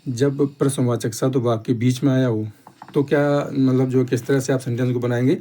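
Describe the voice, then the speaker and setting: A man's voice: mid-range voice, level tone, dark tone. A man teaching a grammar lesson step by step, repeating each point and checking in often with the class. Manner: slow, repetitive explaining with frequent "theek hai" check-ins.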